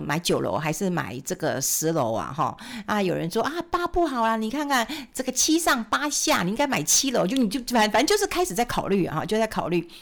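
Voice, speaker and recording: Lively, chatty Taiwanese Mandarin woman. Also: medium pitch. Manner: chatty, laughs often, acts out little scenes. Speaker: radio finance host. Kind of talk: casual podcast talk.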